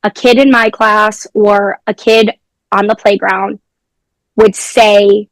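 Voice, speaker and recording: A woman's voice: medium pitch, steady tone, slow, no room sound. A young adult woman, a former teacher, telling stories from her classroom in a casual interview.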